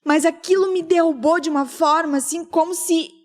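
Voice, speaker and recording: High-voiced woman telling an emotional story. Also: fairly even intonation, normal speed. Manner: emotional storytelling, acts out quoted speech. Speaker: podcast host. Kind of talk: casual podcast chat.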